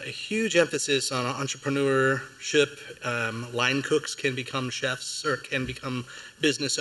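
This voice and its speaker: A man's voice: mid-range voice, bright, forceful tone, rough recording. A man speaking on a panel at a public food event, in a casual, upbeat way with fillers. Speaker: chef on a panel. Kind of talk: panel talk. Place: museum event hall.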